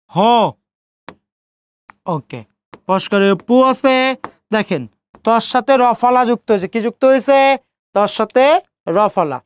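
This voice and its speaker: A male teacher giving an exam-prep lecture, repeating key points slowly and asking questions that he answers himself. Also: high-pitched, smooth. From Bangladesh. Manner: asks students rhetorical questions and answers them himself.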